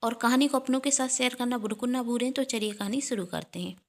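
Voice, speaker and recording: A woman hosting her channel and reading a family story aloud in a clear, steady voice. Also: a little high, fast. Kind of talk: scripted story narration.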